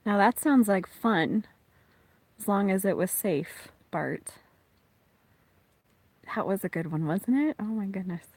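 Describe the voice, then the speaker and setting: Holding her phone outdoors in a thunderstorm, a Minnesota woman hosts a livestream, chatting casually with viewers in a medium-pitched voice that is slightly raspy and congested from allergies following a chest cold. She is animated yet unhurried and soft-spoken, often sinking to a hush, laughing to herself, and leaving long pauses.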